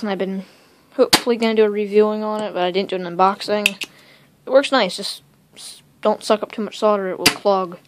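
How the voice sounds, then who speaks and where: Casual woman vlogger, rambling shop tour, handheld phone in a cluttered workshop, clear background hiss. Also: mid-range voice. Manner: rambling, quick, self-interrupting. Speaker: electronics hobbyist vlogger. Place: cluttered home electronics workshop, indoors. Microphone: handheld phone camera.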